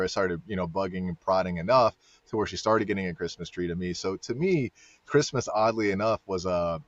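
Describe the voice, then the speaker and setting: A man's voice: sits low, no echo. A man appearing as a podcast guest, telling stories in a laid-back way with frequent fillers. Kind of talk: casual conversation. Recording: dull lo-fi dry sound.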